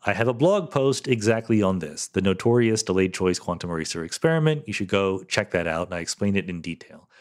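Hosting a solo podcast Q&A, a middle-aged man speaks in a low, animated voice, brisk and with hardly any pauses. He answers listener questions candidly and thinks aloud, dropping in fillers such as "um" and "you know."

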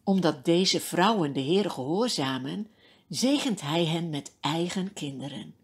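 Slow, expressive woman storyteller for children. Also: fairly low pitch, slightly rough. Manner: speaks to children directly, gentle and expressive. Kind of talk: children's Bible story narration.

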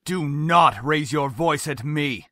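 Stern, domineering middle-aged dad; crisp, forceful, dry studio read. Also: male voice, on the high side, slow pace, dry recording. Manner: cold, commanding, explodes in anger. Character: stern controlling father, middle-aged businessman. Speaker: voice actor.

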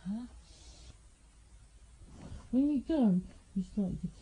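A woman's voice: on the high side, animated, takes it slowly, mellow, slightly rough. A woman talking in her sleep in disjointed, erratic mutterings and outbursts. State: asleep.

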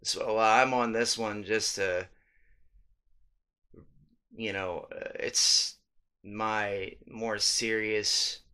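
A YouTuber in his thirties vlogs late at night in a small room, his lowish voice steady but sharp and extremely slow, with frequent pauses. He rambles with lots of ums, restarts, and casual swearing, recorded at close range on a webcam or handheld phone.

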